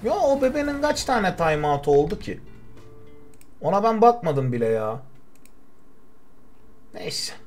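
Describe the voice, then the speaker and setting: Lively young man streaming a game. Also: high-pitched, measured pace, pauses often, soft background music. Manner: chatty, talks to himself and reads chat aloud. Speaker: gaming streamer. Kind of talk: live gameplay commentary.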